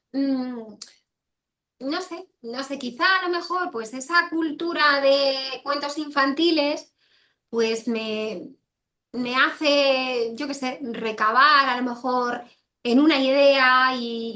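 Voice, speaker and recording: High, bright-voiced woman author. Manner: rambling, self-correcting, repeats phrases. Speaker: author being interviewed. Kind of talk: casual spoken interview answers. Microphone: video call.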